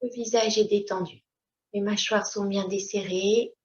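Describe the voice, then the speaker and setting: A woman teaches yoga nidra, guiding a slow meditation with short, gentle instructions in a calm and unhurried manner. Her voice sits in the mid range, and the recording sounds dull and lo-fi.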